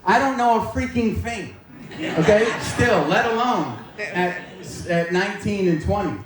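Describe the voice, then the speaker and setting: Preaching his personal testimony to a live church audience, a guest speaker in his forties from Maine, United States, talks in an expressive, unhurried, informal way, joking and self-deprecating. His voice is a little high for a man. The large indoor room makes the slightly distant recording echoey, with faint noise underneath.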